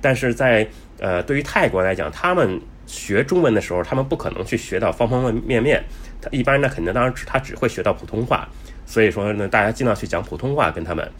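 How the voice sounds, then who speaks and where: A man's voice: lowish voice, lively intonation, a little hiss or hum. A man giving travel advice in a casual, explanatory way, with many fillers and restarts. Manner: says he talks fast. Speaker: travel vlogger.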